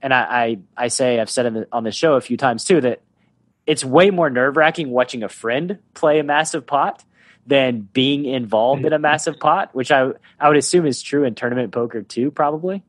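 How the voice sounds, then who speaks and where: A man's voice: mid-range voice, moderate pace, no echo. Podcast host man, dry close sound. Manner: conversational, asks leading questions. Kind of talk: casual interview conversation.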